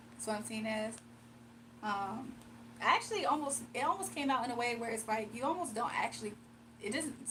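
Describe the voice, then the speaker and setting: A woman with a slightly high voice hosts a live stream where she does card readings, chats casually, reads out comments and laughs often. She sounds a little strained from nearly losing her voice, and there's background noise.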